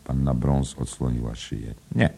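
A man's voice: rumbling low, measured pace, creaky, mellow, breathy edge. A man reading a literary audiobook aloud in a rhythmic, musical way. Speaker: audiobook narrator.

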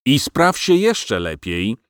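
A man's voice: mid-range voice, very animated, takes it slowly, a bit bright, no room sound, studio quality. Man doing a bossy shrewd old farmer. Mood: dry. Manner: bossy, bargaining.

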